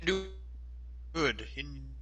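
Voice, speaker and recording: A man talking casually in a gaming chat over an online call, his audio choppy and cutting in and out, with dry deadpan teasing. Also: medium pitch, extremely slow, breathy edge, soft background music. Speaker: co-player joining over voice chat. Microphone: headset over an online call.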